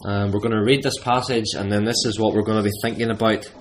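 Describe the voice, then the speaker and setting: Man at a pulpit microphone, low-voiced, reads scripture slowly and deliberately, pausing for emphasis. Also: steady tone, background noise. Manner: measured, deliberate reading with emphatic pauses. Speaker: church service leader reading scripture. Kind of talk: scripture reading in a church service. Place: church.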